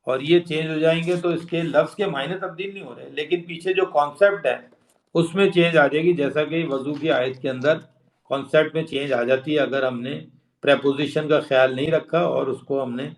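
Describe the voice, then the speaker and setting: Male Quran teacher, slightly high-pitched, repeats word endings slowly to demonstrate, explains grammar patiently. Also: steady tone. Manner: mixes English terms into Urdu explanation.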